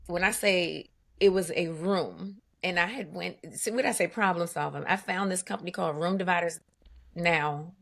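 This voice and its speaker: A woman guest, a business owner, telling her story in an animated, emphatic way with vivid asides. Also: fairly low pitch, moderate pace, gravelly. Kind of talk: conversational storytelling.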